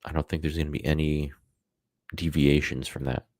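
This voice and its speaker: Casual streamer, male, rumbling deep voice, loose and rambling, dry close mic. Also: level tone, normal speed, a little mellow, no room sound. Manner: rambling, many fillers and self-corrections. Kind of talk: casual live-stream talk.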